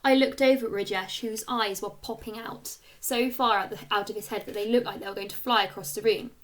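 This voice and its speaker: A woman reads a children's story aloud in the manner of a schoolteacher, narrating expressively and emphasizing the storytelling clearly. Her pitch is medium and her pace brisk.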